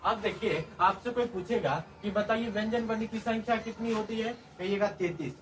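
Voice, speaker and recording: A man's voice: high voice, normal speed. A man teaches a grammar lesson and drills each point by asking and then answering his own questions. He sounds a little far from the mic. There is a faint hiss of background noise. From Bihar, India. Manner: repeats questions and answers in a drilling call-and-response way. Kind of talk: classroom-style grammar lesson.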